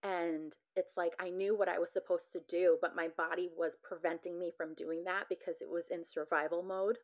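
A woman with a somewhat low voice shares her personal story as a podcast guest, speaking frankly and with real earnestness. She leans on "like" between thoughts. The recording sounds dull and lo-fi, with the top end muffled. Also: little pitch movement, moderate pace. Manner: earnest, frank, heavy use of "like" as filler. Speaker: podcast guest, labor and delivery nurse. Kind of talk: candid personal storytelling in a conversation.

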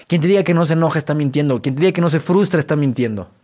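A man's voice: a little high, racing, a little mellow. A man with a Mexican Spanish accent hosting a self-help podcast, talking straight to the listener in a casual, direct monologue. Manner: direct, conversational, addresses listener as tú. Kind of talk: motivational monologue.

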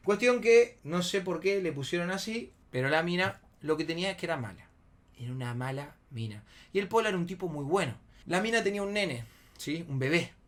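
A man in his twenties with an Argentine Rioplatense accent, telling a comic anecdote in a slangy, profane way and acting out his friends' shouting. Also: fairly quick. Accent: Argentine Rioplatense Spanish. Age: 20s. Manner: animated storytelling, acts out shouting friends in high strained bursts. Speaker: storyteller.

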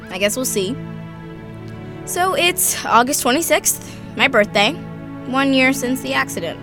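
A woman's voice: sits high, animated, unhurried. Audio drama role: girl of twelve, self-conscious, wry, confiding, over prominent music. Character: twelve-year-old girl with amnesia, wry and hesitant. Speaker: lead character and narrator. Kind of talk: audio drama acting, confiding recorded diary.

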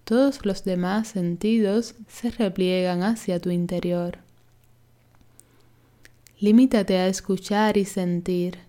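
A yoga instructor guides a relaxation meditation, her voice calm and soothing as she offers gentle instructions. She speaks at a medium pitch and a slow pace.

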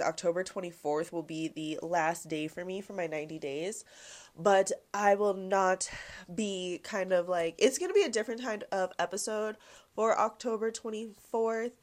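A woman's voice: lowish voice, darkish tone. Chatty congested young woman podcaster. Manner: chatty, heavy use of "like", swearing. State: congested, nasal. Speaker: podcast host. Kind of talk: casual solo podcast chat.

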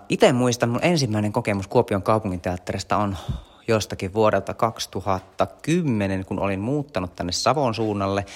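Chatty man guiding a tour. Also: on the low side. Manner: chatty, guiding listeners through spaces. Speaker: podcast host. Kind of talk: walking tour narration.

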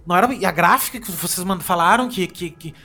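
Man co-host, relaxed and emphatic. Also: high voice, fast, vocal fry, soft background music. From Brazil. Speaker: podcast co-host. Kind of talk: casual chat.

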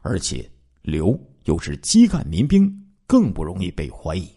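Male true-crime storyteller, dramatic delivery, asides to listeners, husky voice, low pitch. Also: huge pitch swings, moderate pace, mellow. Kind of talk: spoken true-crime narration.

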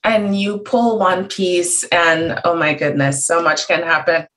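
A woman's voice: on the low side, fairly even intonation, a little slow, a bit bright. A woman interviewing in a conversational way, feeling her way carefully into each question.

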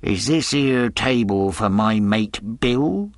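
A man's voice: fairly low pitch, animated, slow, dry recording, studio quality. A man voicing a sinister middle-aged pirate who talks in a half-fawning, half-sneering drawl. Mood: wheedling. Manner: leering, wheedling drawl.

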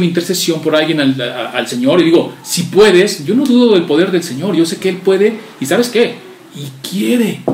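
Man, preacher, sermon, animated, emphatic, higher-pitched voice, echoey room. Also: distant mic, a little hiss or hum. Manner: animated, acts out biblical dialogue with rising emphasis.

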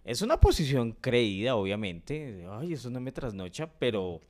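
A man in casual chat, talking haltingly with restarts and slang. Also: mid-range voice, sing-song, a little mellow.

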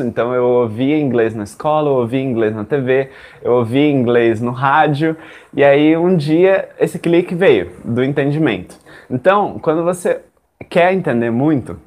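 A man's voice: medium pitch, a little mellow. A young Brazilian man teaching English in casual chat, talking straight to his listeners and acting out his own past thoughts.

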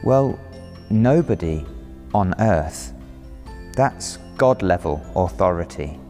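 A man's voice: low-pitched, expressive, slow pace, mellow. A man preaching a sermon, retelling a story vividly and dramatically. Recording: reverberant hall, faint music.

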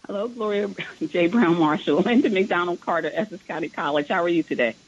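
A woman caller comes through a clipped, muffled phone line on a radio talk show. She explains her point in a measured way, pausing often with "um" as she builds her argument. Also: lowish voice, breathy edge. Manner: measured, explanatory, with frequent "um" pauses.

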